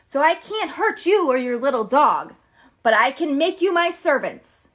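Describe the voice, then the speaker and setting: A woman's voice: big pitch swings, measured pace, a bit bright, heavily acted. A woman voicing a cruel wicked witch who shrieks and barks orders in a storybook reading. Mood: commanding. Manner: shrill, shrieking.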